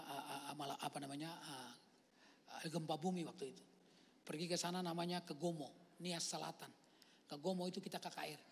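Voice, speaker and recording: Animated preacher man in a reverberant hall. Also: fairly high pitch, creaky, a little hiss or hum. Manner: animated, swings from loud to hushed, acts out quoted voices. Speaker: pastor. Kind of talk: lively storytelling sermon. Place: church hall. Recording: long reverb of a large church hall.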